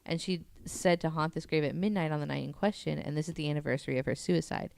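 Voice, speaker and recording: In a casual podcast segment, a female guest relays what an article said, summarizing it in loose, informal talk. She speaks fast in a deep, darkish voice with vocal fry, and there's no echo on the recording.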